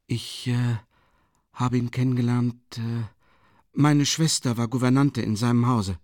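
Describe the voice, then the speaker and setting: A man voicing a withdrawn young man in an audiobook, subdued and halting, with hesitations. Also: medium pitch, fairly even intonation, darkish tone, dry recording, clean studio sound, close to an everyday voice. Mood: hesitant. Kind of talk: audiobook character reading.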